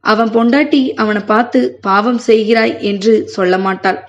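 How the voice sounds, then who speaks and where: A woman's voice: mid-range voice, steady tone, normal speed. Woman reading a story, muffled recording. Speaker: story narrator.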